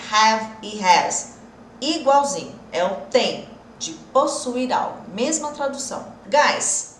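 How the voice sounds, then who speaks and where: A Brazilian woman teaching an online English lesson, speaking in a lively, encouraging way and slowing down to stretch out her English example sentences. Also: on the high side, echoey room, slight background noise. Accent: Brazilian Portuguese.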